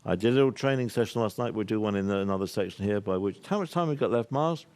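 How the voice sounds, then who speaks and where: A man's voice: fairly low pitch, animated, fast talker, a little mellow. An older man from the UK giving an earnest, rambling workshop talk to a live audience. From United Kingdom. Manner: earnest, emphatic, rambling with laughs and restarts. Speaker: workshop speaker.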